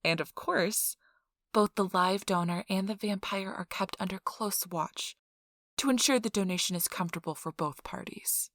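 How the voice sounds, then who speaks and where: In an ASMR role-play, a woman plays a cheerful, earnest donor acquisition interviewer with a polite, reassuring customer-service manner and an upbeat mood. Her natural, mid-range voice is a bit bright and moves at a moderate pace, recorded in studio quality without echo.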